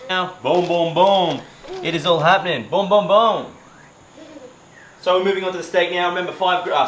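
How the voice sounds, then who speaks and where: Aussie bloke doing meal prep, bit higher voice, chatty and jokey, kitchen echo. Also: male voice, a bit bright. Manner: chatty, jokey, self-mocking, loose with fillers. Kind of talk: casual cooking vlog. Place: home kitchen, indoors. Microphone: camera mic, filmed by a helper. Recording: roomy kitchen with faint cooking noise.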